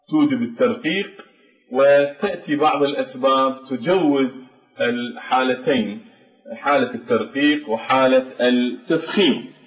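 A man gives a tajweed lesson, spelling out pronunciation rules at a slow, deliberate pace and repeating each example. His voice sits in a middle register and carries a roomy echo. The recording is dull and lo-fi. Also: mid-range voice, far from the mic. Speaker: Quran recitation teacher. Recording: dull echoey room recording.

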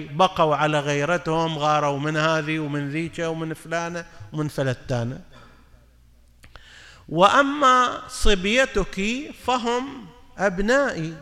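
Man, preacher, bright tense voice, long hall reverb. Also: on the high side. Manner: mixes formal Arabic with colloquial asides, asks listeners questions. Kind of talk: religious lecture.

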